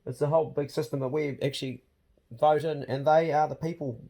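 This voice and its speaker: A man's voice: a little high, steady tone, fairly quick, warm tone. A man with a broad New Zealand accent chatting casually to his vlog viewers in a plain-spoken, colloquial way. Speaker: vlog host.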